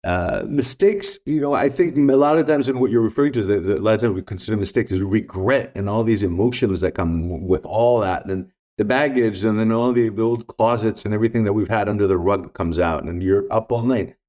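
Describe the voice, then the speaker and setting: This middle-aged man, Greek by native language, talks fairly quickly with few pauses in a lowish, slightly mellow voice. A guest on a podcast, he tells stories and reflects in conversation, earnestly and emphatically driving home his main points through repetition.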